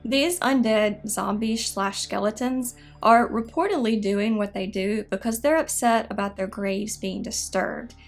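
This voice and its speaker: A woman narrating scripted spooky history stories in a measured, explanatory way. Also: mid-range voice. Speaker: narrator of a haunted history show.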